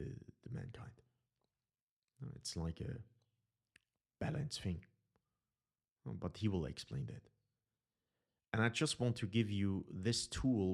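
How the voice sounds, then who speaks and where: A native German speaker with a German accent and a deep voice teaches earnestly about consciousness over slides. This consciousness mentor often pauses to correct what he has said.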